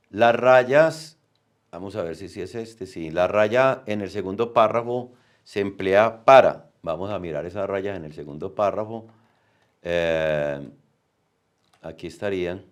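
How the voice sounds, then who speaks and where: A man's voice: lowish voice, takes it slowly. A man explaining reading exam questions as a teacher, checking in with "¿cierto?" often.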